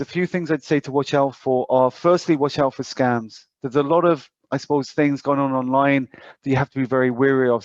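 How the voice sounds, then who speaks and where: A British man gives an informal presentation to clients as a financial advisor over an online call, explaining things hesitantly and with hedged asides. His voice is medium-pitched and darkish, with no room sound, and the call audio is dull and muffled.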